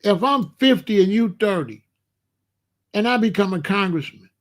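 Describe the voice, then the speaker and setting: A live commentary streamer rants at his chat off the cuff, his high male voice expressive and moderately paced. He's blunt, repetitive and confrontational, singling out one chatter.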